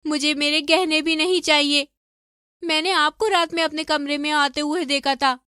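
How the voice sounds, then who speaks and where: A woman voicing a meek, poor young daughter-in-law in an animated story, pleading and submissive. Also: high-pitched, normal speed, no room sound, studio quality.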